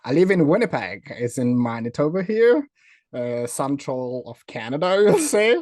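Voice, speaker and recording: A man from Senegal, a company founder talking as a guest in a casual video-call interview, friendly and quick to laugh, with many fillers. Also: mid-range voice, very animated, a little mellow, dry recording, clean studio sound.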